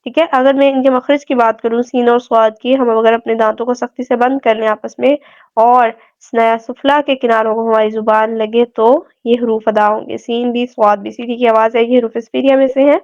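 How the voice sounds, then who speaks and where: A woman teaching Quran recitation step by step, drawing out each letter sound in slow, patient demonstrations. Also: fairly high pitch, level tone, darkish tone, no echo. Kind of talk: step-by-step tajweed lesson. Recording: dry, slightly dull lo-fi sound.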